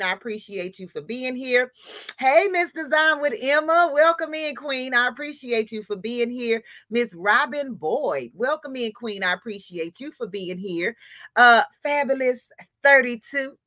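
A woman with a bright, fairly high voice hosts a casual sewing livestream. She greets viewers by name in a chatty, scattered way, laughing often and calling each one queen. The sound is close and dry, with no room echo. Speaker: livestream host of a sewing channel.

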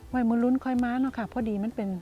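Speaking rapid-fire in a flat, slightly high voice, an Isan-accented (Northeastern Thai) woman chats with viewers she calls "brothers and sisters" while vlogging outdoors in the countryside. The recording is muffled, with soft background music.

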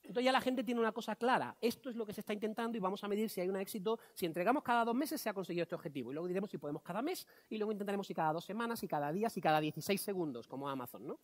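Fast-talking joking conference speaker. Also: male voice, high voice. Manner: joking, animated, quick asides. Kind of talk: conference talk.

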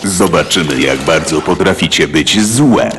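A man's voice: low-pitched, animated, unhurried, noisy background. An actor playing a cold, ominous male villain in a cartoon dub. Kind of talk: animated cartoon dub acting. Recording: clear music bed under voice.

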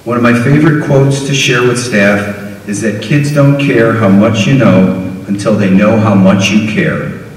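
A middle-aged man reads a formal welcome from a podium in a measured way. His voice sits in a mid range. The sound carries long reverb from a big hall and is picked up from a distance. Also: lowish voice, fairly even intonation, a little hiss or hum. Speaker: school district official introducing the speaker. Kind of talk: formal prepared speech. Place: large auditorium stage. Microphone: podium microphone heard from afar. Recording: echoey hall recorded from far off.

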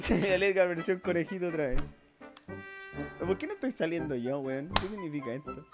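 A young man with a Chilean accent giving loud, laughing, swearing let's-play commentary with friends. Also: a little high, lively intonation, moderate pace. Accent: Chilean Spanish. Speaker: gaming video host. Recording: game music behind the voice.

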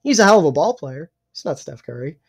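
A young man co-hosting a casual sports podcast, opinionated and swearing freely, a little hoarse and clearing his throat. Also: fairly high pitch, sing-song, quick pace. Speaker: podcast co-host.

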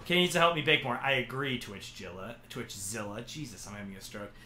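Excitable male streamer, bright lively voice, echoey room with light noise. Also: mid-range voice, fairly quick. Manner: excitable, swears and yells at the game. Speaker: streamer host. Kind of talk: casual livestream chat while gaming.

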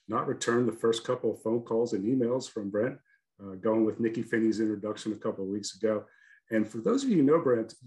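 A man from the northern United States speaks over a video call in a fairly low voice. He lectures and takes questions in a friendly, conversational way, full of small fillers. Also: a little mellow, low-quality recording. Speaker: guest lecturer, archaeologist.

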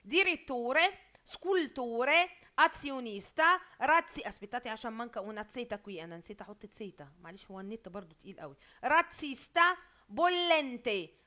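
A woman with an Egyptian Arabic accent runs an online university Italian lecture, her voice high and her delivery fast. She quizzes the students and repeats each word as she goes, heard over a video call. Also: bright, forceful tone.

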